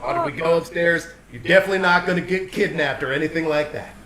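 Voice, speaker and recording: A man from Austin, Texas, playing a smooth-talking, shady movie boss in an improvised film-noir comedy scene, flattering and overly reassuring. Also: on the high side, fast talker, crowd noise, natural voice. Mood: reassuring, sly. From Austin, Texas, USA. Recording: roomy sound with faint background noise.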